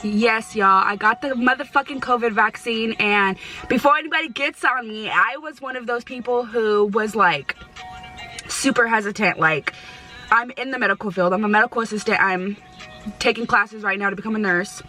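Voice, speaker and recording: A young woman vlogs with a very bright, somewhat high voice over music. She talks casually in slangy stoner style, swearing freely and repeating words for emphasis. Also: moderate pace, poor audio. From United States. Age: young adult. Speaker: vlogger. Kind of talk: casual chat to camera.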